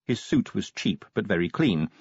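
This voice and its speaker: Male audiobook narrator, low, husky, wry, dry booth. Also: normal speed, no room sound. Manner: wry, expressive reading. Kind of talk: scripted narration. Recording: dry, slightly dull audiobook recording.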